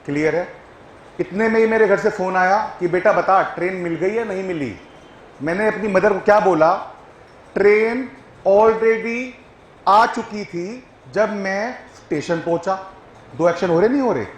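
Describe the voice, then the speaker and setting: High-voiced man teaching in an echoey room. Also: a little slow, slight background noise. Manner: keeps checking if students follow, coaxing. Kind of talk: classroom lecture on English grammar.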